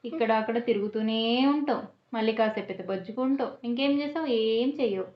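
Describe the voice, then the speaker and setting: A woman's voice: a little high, fairly quick. A mother, coaxing and teasing her toddler in sing-song questions. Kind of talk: playful chat with a small child. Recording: muffled echoey home room.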